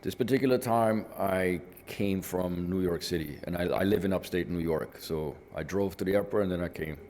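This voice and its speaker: Being interviewed as a guest artist, a middle-aged northern Italian man speaks low, darkish and at normal speed. He reflects as he answers, sprinkling in "you know" often, and the hall around him is reverberant with faint ambience.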